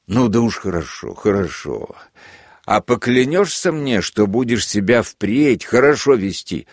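A cruel army lieutenant who purrs false mercy with a sanctimonious, syrupy tone, put on by a male reader. His low voice leaps up and down in lively swings. The sound is close and dry. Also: measured pace, no room sound, heavily acted. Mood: mock-gentle. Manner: sanctimonious, syrupy, then gleeful shouting. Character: sadistic mock-kindly male army lieutenant.

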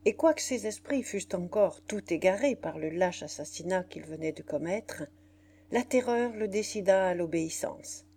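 A woman narrating a classic novel as an audiobook with an expressive, varied delivery. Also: on the low side, normal speed.

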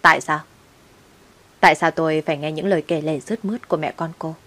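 A woman's voice: low voice, steady tone, fast, fairly bright tone. A woman voicing a bitter, blunt man who is out of prison and speaks with scorn. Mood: scornful. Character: bitter man out of prison, sharp-tongued father.

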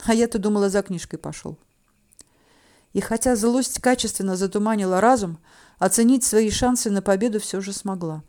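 A woman reads a first-person audiobook in a medium, mellow voice with a dark warmth. She tells it dramatically, dropping dry, wry asides between the action. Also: mid-range voice, moderate pace. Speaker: audiobook narrator.

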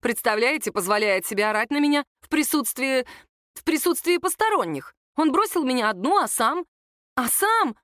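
A woman's voice: high-pitched, sing-song, moderate pace, a bit bright, no room sound, studio quality, voice pushed up. A woman voicing a sly, brash young woman who plays coy, mocks, and turns sharply indignant. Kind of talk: audiobook character voice.

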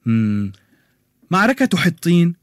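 An encouraging quiz master from a children's radio drama. His voice is slightly high and swings up and down with lively energy. The sound is dry and close. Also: slow pace, dry recording, exaggerated voice.

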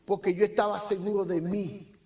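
A middle-aged man speaks to a crowd in a motivational talk. His voice sits high, and he tells personal stories with a playful, joking manner, imitating engine noises as he goes. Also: moderate pace. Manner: lively, joking, imitates motor sounds. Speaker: motivational speaker at a business meeting.

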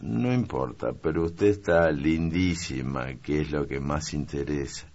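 A man voicing a lively, chatty young servant girl in a high, eager voice in an audiobook reading. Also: a little slow, dull audio.

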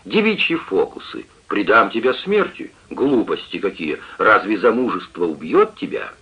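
A male reader voicing a hot-tempered older country squire who shouts and curses at his daughter, in a dull lo-fi radio recording. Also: lowish voice, very animated, normal speed. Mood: furious. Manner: shouting, blustering, cursing.

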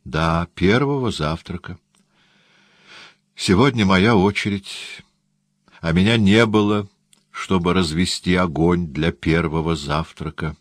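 Man doing gentle sorrowful young woman, soft quiet voice, raised a bit from his deep tone, dry sound. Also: slow pace, pauses often, no echo. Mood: calm insistent. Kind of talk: audiobook character reading.

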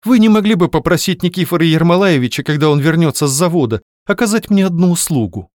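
A man's voice: a little high, animated, quick pace, darkish tone, no echo, clean studio sound, voice pushed up, close to an everyday voice. A man reading a novel aloud, voicing a proud, cold young woman in a raised, clipped, haughty tone. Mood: urgent pleading.

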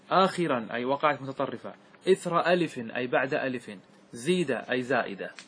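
A man, a sheikh, teaching a class on Arabic grammar, reciting verse slowly and checking whether students follow. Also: medium pitch, a bit bright, a little hiss or hum. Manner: asks students rhetorical checks like "clear?". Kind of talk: classroom lesson explaining verse.

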